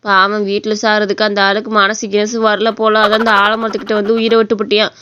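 A woman's voice: medium pitch, monotone, fast, pushed and bright, muffled recording, a little hiss or hum, natural voice. A woman voicing a pitying older village woman in a cartoon, talking in a lamenting, bossy way.

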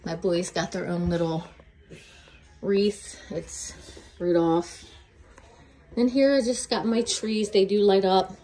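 This woman, a home vlogger, films a tour of her house with a handheld phone, moving room to room and chatting about where each item came from. She's getting over a cold and sounds a little congested; her medium-pitched voice is slow, fairly even, and dark in tone. The recording quality is low.

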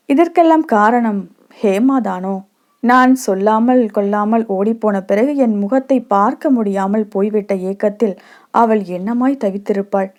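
Mellow-voiced woman reading a story. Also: medium pitch. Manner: soft, reflective storytelling. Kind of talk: reading a short story aloud.

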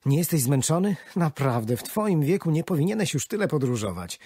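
A man's voice: a little high, big pitch swings, fairly quick, husky, no echo, clean studio sound, voice pushed up. A man voicing a caring mother in a storybook who fusses over her father. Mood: concerned. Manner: fussing, gently scolding.

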